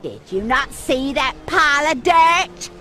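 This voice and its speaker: An actress playing a fussy townswoman in a video game, who scolds in a shrill, drawn-out way. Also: expressive, bright, forceful tone, soft background music, exaggerated voice. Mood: scolding.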